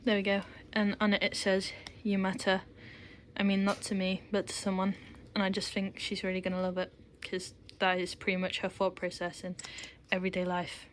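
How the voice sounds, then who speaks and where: A woman's voice: medium pitch, monotone, moderate pace, rough recording. Chatty young woman vlogging outdoors. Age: young adult. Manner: chatty, rambling, joking asides. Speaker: vlogger at a horse yard. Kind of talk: casual vlog narration. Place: outdoor stable yard. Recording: outdoor background noise.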